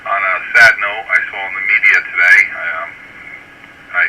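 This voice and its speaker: Man on low voice over static-heavy two-way radio. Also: steady tone. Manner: halting, many fillers. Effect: heard over a two-way radio with static. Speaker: radio net check-in. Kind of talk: casual on-air chat. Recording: distant, hissy radio transmission.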